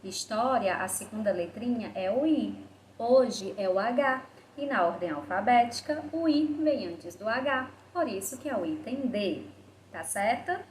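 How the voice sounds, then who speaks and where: A woman teacher with a slightly high voice explains each grammar step to children, slowly and patiently. She asks the pupils' questions herself and then answers them. The room is echoey, with a faint hiss behind her. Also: lively intonation. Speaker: primary school teacher. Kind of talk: remote class lesson.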